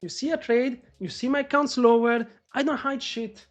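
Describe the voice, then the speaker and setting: A man doing live trading commentary on a stream, excitable and swearing as he talks to the market. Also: very high voice, normal speed, soft background music. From Morocco. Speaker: day trader live-streaming.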